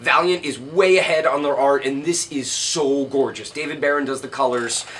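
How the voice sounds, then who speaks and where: A man's voice: mid-range voice, moderate pace, fairly bright tone, a little hiss or hum. A man co-hosting a comic book recommendation show, chatting casually and enthusiastically with lots of ums and jokes. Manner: enthusiastic, filler-heavy, joking. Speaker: comic shop show co-host.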